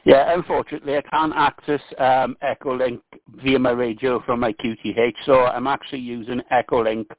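A man works the airwaves in a ham radio call, spelling out his call sign in steady, measured phrasing. His voice sits at an ordinary pitch and comes through a thin, tinny radio channel. The sound is dry, with no room around it. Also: no room sound. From South Wales. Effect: heard over a ham radio link. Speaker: amateur radio operator.

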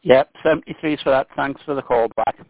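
Male ham radio operator on air, measured call-sign delivery, tinny radio line. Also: medium pitch, no echo. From South Wales. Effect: heard over a ham radio link. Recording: tinny, dry radio transmission.

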